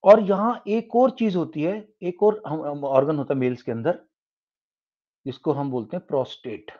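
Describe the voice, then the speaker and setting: A man's voice: a little high, moderate pace. Indian man tutoring, dull lo-fi sound. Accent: Indian English. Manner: explains step by step, mixing Hindi and English, with many restarts. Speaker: science tutor. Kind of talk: classroom lecture.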